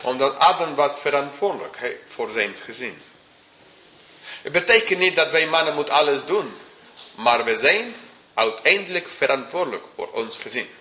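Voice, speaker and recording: A man's voice: mid-range voice, animated, normal speed, sharp tone. A man preaching an informal sermon, chuckling often and speaking slightly broken grammar. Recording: roomy hall with faint hum.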